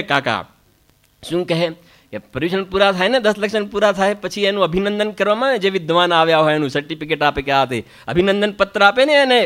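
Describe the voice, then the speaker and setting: A man's voice: high voice, fairly bright tone. A man giving a religious discourse, repeating points with emphasis and prodding listeners with short questions. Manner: frequent questioning interjections to listeners; repetitive, emphatic teaching with proverbs. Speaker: Jain spiritual lecturer.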